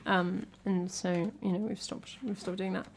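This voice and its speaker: Between songs on her stream, this singer-songwriter from England talks casually with viewers from home, playful and self-mocking, through a cabled headset. She speaks in a level, mid-range voice at a moderate pace, with a little hiss or hum audible.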